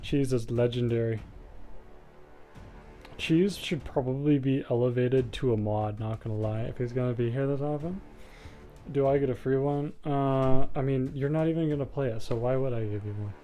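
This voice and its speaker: A man's voice: medium pitch, normal speed, warm tone. Chatty young man streaming a board game. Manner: chatty, joking, talks to chat, many fillers. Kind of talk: casual live-stream game chat. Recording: music faintly behind the voice.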